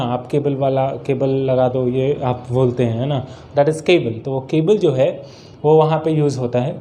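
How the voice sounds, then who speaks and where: A man teaching vocabulary, his voice fairly high and warm. He reads example sentences slowly, then explains each one and asks and answers his own questions. Faint noise sits under the recording. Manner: mixes Hindi and English. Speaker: English teacher. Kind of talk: vocabulary lesson.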